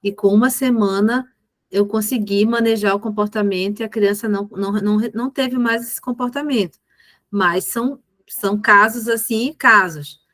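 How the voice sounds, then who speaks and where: A woman's voice: mid-range voice, moderate pace, a bit bright, no room sound. A woman, a mentor patiently explaining behavior management with examples. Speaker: ABA mentor.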